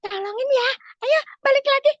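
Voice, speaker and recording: A woman voicing an earnest little schoolgirl in a storytelling session for children, in a squeaky childlike voice. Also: moderate pace, no room sound, dull audio. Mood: worried. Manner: earnest, chatty, talks to the young audience.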